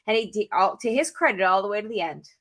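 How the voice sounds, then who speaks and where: A woman co-hosting a casual podcast, chatting animatedly about a TV episode and acting out what people said. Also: quick pace. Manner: animated, acts out quotes with big pitch jumps. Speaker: podcast co-host. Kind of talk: casual recap chat.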